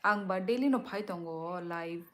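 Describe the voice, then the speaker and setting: A young native Kokborok speaker from Tripura in northeast India chats slowly on a live stream, reading viewer comments aloud and answering them. Her voice sits on the low side with a bit of brightness.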